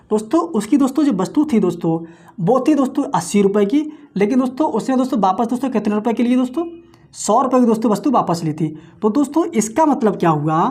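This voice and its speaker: Doing sums aloud in rapid times-table chants, a male teacher delivers exam-prep maths, addressing viewers as friends almost constantly. He asks questions and answers them himself. His voice is very high-pitched and mellow.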